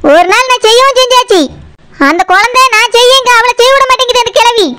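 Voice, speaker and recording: A woman's voice: very high-pitched, quick pace, bright, forceful tone. A woman voicing a stubborn young daughter-in-law in a cartoon, with a Tirunelveli Tamil accent and a blunt, argumentative manner. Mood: complaining. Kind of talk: cartoon voice acting.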